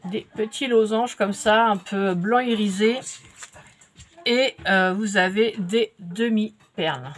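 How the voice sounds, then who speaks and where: Slow-talking woman with a stuffy nose. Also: medium pitch. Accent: French. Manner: chatty, many fillers and restarts. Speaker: crafts vlogger. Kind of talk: casual product unboxing.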